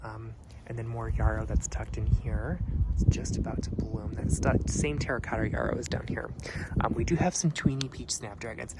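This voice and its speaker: A man's voice: medium pitch, little pitch movement, normal speed. A man giving a casual, enthusiastic tour of a client's garden, gushing over the plants with lots of ums. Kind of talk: casual walkthrough vlog. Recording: loud wind and traffic noise outdoors.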